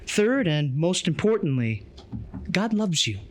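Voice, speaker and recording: A man's voice: fairly high pitch, very animated, a little slow, slight background noise. A man giving an earnest, emphatic conference lecture, reading from a tablet.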